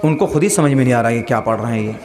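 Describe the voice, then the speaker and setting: A man's voice: mid-range voice, darkish tone, roomy sound, big-room sound. A man preaching, who demonstrates Quran recitation in chant and then scolds in plain speech. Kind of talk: sermon teaching Quran recitation.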